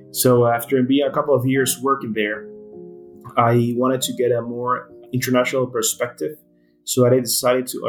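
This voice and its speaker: A man's voice: mid-range voice, rough recording. Hesitant man. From Ecuador. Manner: hesitant, many fillers and restarts. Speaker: guest. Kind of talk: casual interview answers.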